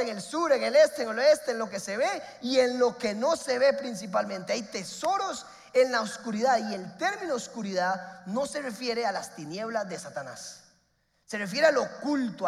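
A man preaching a sermon as pastor, emphatic, repeating his points and swinging between loud and soft. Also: extremely high pitch, creaky, in a large hall.

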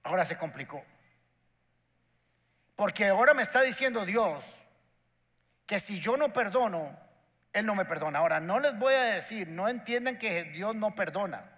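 A man's voice: sits high, animated, normal speed, long pauses, bright, forceful tone, big-room sound. A man, preaching a sermon as a pastor and acting out the characters in his story.

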